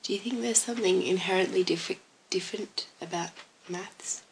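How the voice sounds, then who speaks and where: A woman's voice: medium pitch, normal speed, creaky, slight background noise, rough recording. A woman interviewing casually, asking curious, probing questions. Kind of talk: casual conversation.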